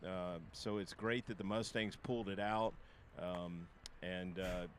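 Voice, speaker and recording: A man with a low voice welcomes listeners to a local ballgame, talking at an easy pace with plenty of pauses and fillers. He is outdoors, and faint traffic noise hums behind him. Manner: relaxed, hesitant, lots of uh fillers. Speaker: play-by-play broadcaster. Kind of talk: casual broadcast chat.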